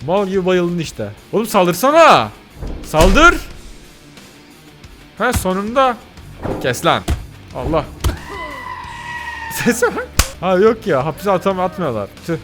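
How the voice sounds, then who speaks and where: A young man playing a video game, loud, excitable and teasing, shouting repeated phrases. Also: sits high, a little slow, pauses often, music in the background. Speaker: gaming YouTuber. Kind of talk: game commentary.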